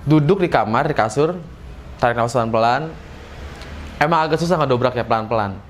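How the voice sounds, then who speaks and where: A man talks through an acting lesson in a loose, conversational way. His voice sits at an ordinary middle pitch. A faint hiss of noise runs under his voice. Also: fairly quick. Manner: relaxed and chatty, acts out short emotional examples. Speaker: acting teacher. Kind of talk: casual classroom-style lesson.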